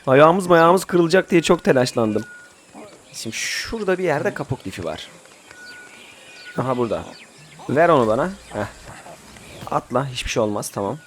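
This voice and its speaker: In a Let's Play of a survival game, a young man speaking at medium pitch keeps things casual, chatting and bossing his group while bursting out abruptly. Slight noise sits in the background.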